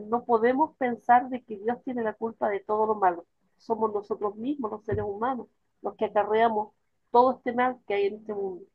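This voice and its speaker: A woman talks haltingly in a Bible study group, her voice a little high and husky. The sound is dry and narrow, like a phone call. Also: no room sound. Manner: hesitant, many fillers. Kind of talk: casual church group discussion.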